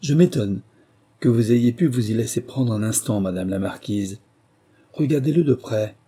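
A man reading the part of a frail, chilly amateur detective who speaks calmly and cuttingly. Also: on the high side, moderate pace, slightly rough, voice pushed up. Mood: accusing. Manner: calm, cutting and placid.

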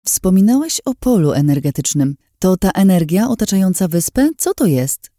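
A man voicing a young woman heroine in an audiobook, raising his voice high and firing off urgent questions. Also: very animated, normal speed, mellow, dry recording, clean studio sound. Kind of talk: audiobook character voice.

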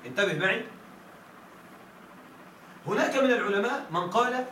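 Man, grammar teacher, high bright voice, checks the class often, distant echoey room recording. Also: lively intonation, a little hiss or hum. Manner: repeatedly checks students follow, quotes verses with stretched slow emphasis. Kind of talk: classroom lesson.

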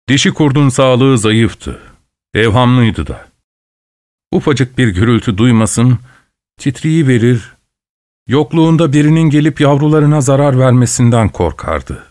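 A man reading a short story aloud as a narrator, in a slow, measured storytelling manner. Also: medium pitch, darkish tone, dry recording, clean studio sound. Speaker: audiobook narrator.

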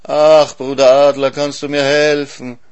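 A man's voice: lowish voice, expressive, moderate pace. A man reading a storybook voices a greedy, insatiable hyena that whines and pleads. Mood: moaning.

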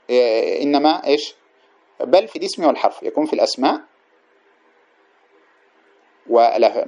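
A man with a mid-range, somewhat dark voice teaches Arabic grammar from a classic text. He goes through it point by point, repeats his examples, and puts rhetorical questions to his class, often trailing off and restarting words mid-phrase.

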